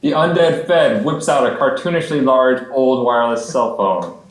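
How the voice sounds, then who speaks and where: A man's voice: medium pitch, moderate pace. A man narrating a community stage show in a plain storytelling way. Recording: roomy theater sound.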